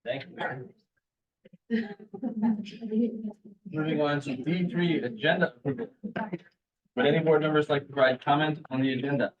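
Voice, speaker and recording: Man, board president, procedural, brisk, distant mic, dull audio. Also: a little high, fairly even intonation. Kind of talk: chairing a meeting. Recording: distant, muffled meeting audio.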